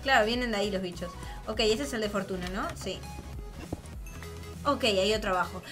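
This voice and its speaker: A young woman with a Rioplatense Spanish accent hosts a gaming channel, delivering dramatic, casual commentary at a moderate pace in a medium-pitched voice. She laughs and shrieks a lot while faint game music plays underneath.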